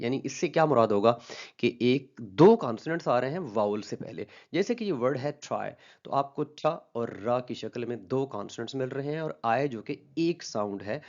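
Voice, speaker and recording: Male online lecturer, mid pitch, explains phonetics patiently with fillers and repeated points, muffled low-fi sound. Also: a little mellow. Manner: slow and repetitive, with frequent "uh" fillers and rhetorical questions. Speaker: linguistics teacher.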